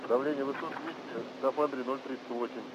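A spacewalking man with a mid-range voice reports readings over suit radio. His delivery is clipped and matter-of-fact, in short procedural phrases. There is clear noise on the link. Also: medium pitch, fairly even intonation, a little fast, muffled recording. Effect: radio link from inside a spacesuit.

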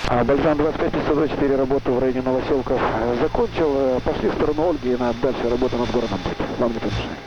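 A man, a pilot, calling ground control over a two-way aircraft radio in clipped procedure talk, hesitating with "uh" between phrases. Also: medium pitch. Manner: hesitant, fills pauses with "uh". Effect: two-way aircraft radio transmission. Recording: muffled noisy radio channel. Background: loud engine and static noise.

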